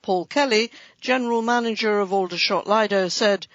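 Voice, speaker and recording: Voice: mid-range voice, moderate pace, fairly bright tone, no echo. A reader giving a scripted, light-hearted reading of a local council magazine, with playful asides. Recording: dry, dull lo-fi recording.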